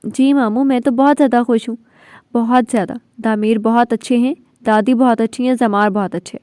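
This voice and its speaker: A gentle, cheerful young wife, voiced by a woman narrator in a storybook reading. She speaks softly and reassuringly. The voice is fairly high and mellow. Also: steady tone, fairly quick, no room sound, studio quality, close to an everyday voice. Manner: soft, reassuring.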